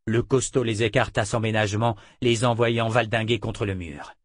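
A man reads an audiobook in a steady, even storytelling style. His voice sits fairly low, and the recording is dry.

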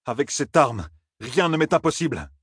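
A man's voice: mid-range voice, animated, normal speed, husky, no room sound, clean studio sound, voice pushed up. A man voicing a distraught young man with great power in an audiobook, strained and desperate. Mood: frantic. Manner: desperate, strained, shouting at times.

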